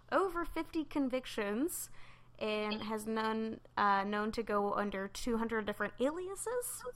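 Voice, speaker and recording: Animated and unhurried, a podcast co-host tells a true crime story in a loose, chatty style, peppered with "um" and "like." Her voice is on the high side with a fairly bright tone.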